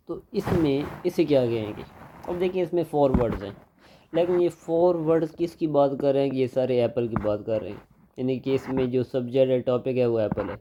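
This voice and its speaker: A man teaching English grammar in a lecture, explaining in Hindi mixed with English and reading example sentences slowly. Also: mid-range voice. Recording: dull lo-fi recording with faint noise.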